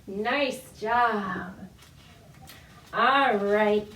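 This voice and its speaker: With a mid-range, slightly bright voice and drawn-out words, a woman runs a playful, sing-song children's storytime. She encourages babies and their parents in simple language. The session is a recorded virtual one from an indoor room, where a far-off microphone catches lots of echo.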